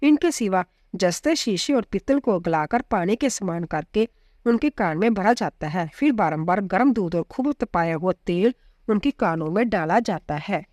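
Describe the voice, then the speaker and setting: A woman reads devotional scripture aloud in a steady, measured recitation, with a voice of ordinary pitch. The sound is dry and close, with no room echo. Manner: steady measured recitation, listing names one by one. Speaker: scripture reader.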